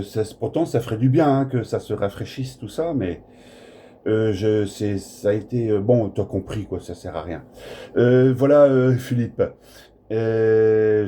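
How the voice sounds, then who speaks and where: A Breton man working a radio chats casually over the air, speaking bluntly and colloquially and tending to ramble, his voice mellow and on the low side. It was picked up by a smartphone in the room, clear with a faint background hiss.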